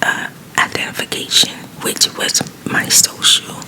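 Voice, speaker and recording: A woman telling a rambling, conversational personal story in a hushed, breathy ASMR whisper, quiet as if at night. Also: measured pace, poor audio.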